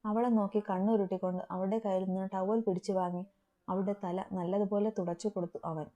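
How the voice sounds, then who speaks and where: A woman narrating a romantic story with a calm, even reading. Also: mid-range voice, quick pace, lo-fi sound.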